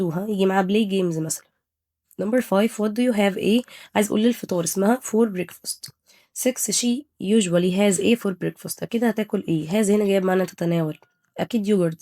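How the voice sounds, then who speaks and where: A young Egyptian woman runs an English review lesson, her speech racing along. Her voice sits dark and mellow at an ordinary pitch. She keeps asking the class what each word means and answers at once, switching between Arabic and English. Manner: drills students with quick questions and answers. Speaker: English teacher.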